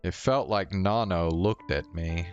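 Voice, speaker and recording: A man streaming a visual novel, reading its narration aloud in a slow, even way. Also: sits low, dull audio, faint music behind.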